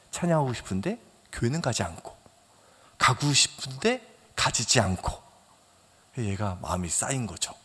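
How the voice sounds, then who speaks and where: Man pastor, sermon, fairly high voice, lively swings from loud to hushed, long church reverb. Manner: animated, swings between loud emphasis and soft near-whispers; acts out quoted phone dialogue in storytelling. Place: church sanctuary.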